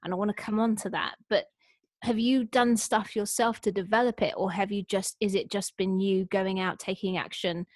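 A woman's voice: medium pitch, steady tone, moderate pace, dry recording. A woman hosting a conversational interview, asking questions in an encouraging, agreeable way. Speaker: podcast interviewer.

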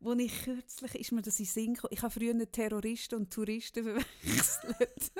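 A woman's voice: a little high, fairly even intonation, fairly quick, darkish tone. A woman in her thirties with a Swiss German accent, a mother, co-hosting a casual chat, teasing her co-host and laughing often. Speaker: podcast co-host.

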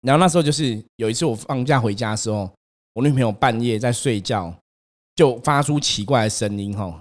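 Fast-talking man. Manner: animated, acts out quotes, rises in pitch when scared. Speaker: host, exorcist telling his own ghost story. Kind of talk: casual chat, storytelling.

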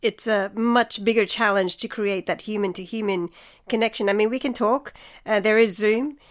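A woman's voice: mid-range voice, steady tone, normal speed. A woman speaking as a podcast host, presenting her show and putting questions to a guest. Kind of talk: podcast introduction and interviewing.

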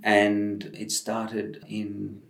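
A man's voice: lowish voice, monotone, drawn-out words, creaky, fairly bright tone. Man from Argentina, architect guest, reflective with restarts; echoey room sound. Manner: thoughtful, many fillers and restarts. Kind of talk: conversational interview.

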